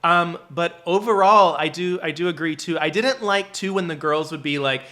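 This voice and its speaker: A man with a sharp, bright voice pitched a little high. He co-hosts a casual review, rambling chattily with plenty of "like" and acted-out asides. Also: moderate pace, soft background music. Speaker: reality show review co-host.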